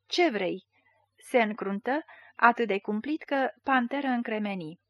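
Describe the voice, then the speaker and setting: A woman reading a literary short story aloud in a measured, expressive way. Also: fairly high pitch, dry recording, lo-fi sound. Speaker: audiobook reader.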